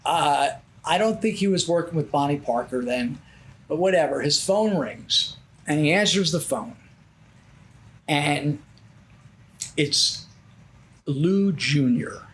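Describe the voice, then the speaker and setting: A man's voice: expressive, takes it slowly, pauses often, fairly bright tone. Rambling older man telling a story. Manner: rambling, drops his voice low to act out quotes. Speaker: podcast host. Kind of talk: casual storytelling.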